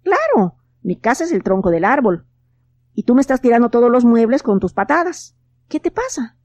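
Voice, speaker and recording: Woman doing a squeaky scolding forest elf. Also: big pitch swings, moderate pace, darkish tone, no echo. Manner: high, teasing, scolding. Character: small mischievous male forest elf.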